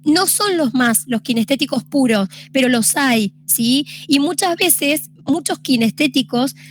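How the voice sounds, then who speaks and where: A woman's voice: high voice, lively intonation, measured pace, slight background noise. A young Argentine woman giving an informal lecture on study styles, explaining patiently and often checking in with the listeners. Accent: Argentine Spanish. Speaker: teacher giving a study-tips talk.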